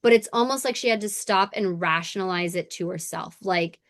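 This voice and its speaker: Brisk and medium in pitch, a woman co-hosts a podcast with no echo on her voice. Casual recap chat about a TV episode fills the clip, full of free swearing and animated reenactments of scenes.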